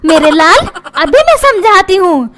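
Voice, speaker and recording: A woman's voice: very high-pitched, very animated, measured pace, heavily acted. A woman voicing a nagging cartoon mom. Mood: doting. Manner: complaining, demanding, repeats questions. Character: nagging quarrelsome mother, doting on her son. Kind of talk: cartoon comedy voice acting. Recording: background music.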